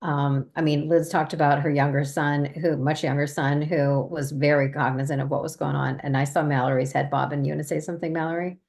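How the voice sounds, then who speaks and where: Low gravelly-voiced woman host. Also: little pitch movement, fairly quick, hardly any pauses, a little mellow. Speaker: host, parent. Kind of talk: moderating a panel discussion.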